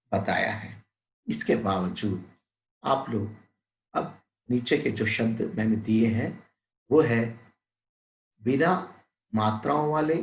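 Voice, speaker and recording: Very slow, deliberate male teacher. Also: on the low side, roomy sound, rough recording. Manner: very slow, drawn-out and deliberate, drilling word pairs; addresses pupils as "beta". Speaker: school teacher. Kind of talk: Hindi lesson for children.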